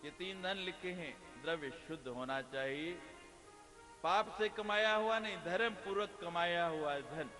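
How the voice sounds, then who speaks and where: A man's voice: sits high, measured pace, bright, forceful tone. A man preaching a devotional discourse who mixes humorous stories and jokes with questions put to the audience. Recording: long hall reverb, faint music.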